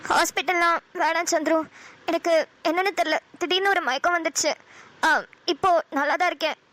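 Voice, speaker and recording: A woman voicing an outspoken young wife in a cartoon, with a Kongu Tamil accent and a quick, spirited delivery. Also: very high-pitched, fairly even intonation, bright, forceful tone. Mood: weak. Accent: Kongu Tamil (Namakkal). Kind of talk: cartoon voice acting.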